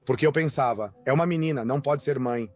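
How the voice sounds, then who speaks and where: A man's voice: mid-range voice, quick pace, a little mellow, no room sound. Young guy remembering family stuff, sincere, mid voice, faint music. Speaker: brother interviewed. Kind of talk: dubbed documentary testimony.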